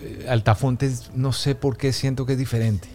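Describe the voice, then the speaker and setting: A man's voice: mid-range voice, level tone, moderate pace, darkish tone. A man with a Colombian accent hosting a casual interview, agreeable and backing the guest with short affirmations. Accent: Colombian Spanish. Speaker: podcast host.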